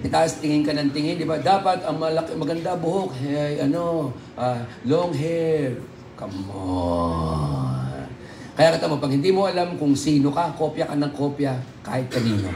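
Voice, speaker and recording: Gravelly-voiced Filipino pastor joking from the pulpit. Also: male voice, fairly quick, hardly any pauses, reverberant, a little hiss or hum, low-quality recording. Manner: animated, joking, swings into loud high exclamations. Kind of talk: humorous sermon. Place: church hall.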